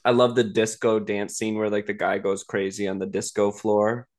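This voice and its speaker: A man's voice: on the low side, normal speed. A young man co-hosting a podcast, gleefully retelling movie scenes in casual chat. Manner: animated, gleeful storytelling. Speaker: podcast co-host.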